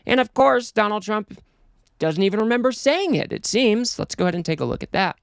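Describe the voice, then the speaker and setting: A man's voice: sits high, expressive, a little fast, vocal fry, smooth, no room sound, studio quality. A man hosting a political commentary show, talking in an exasperated, scornful way.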